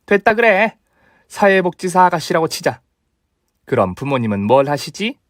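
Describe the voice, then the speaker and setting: A man playing a contemptuous older mother-in-law, scolding tone, slightly raised pitch, dry voice. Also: very animated, moderate pace, no room sound. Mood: scornful. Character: snobbish older Korean mother-in-law, scornful and bossy. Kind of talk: dramatized story reading.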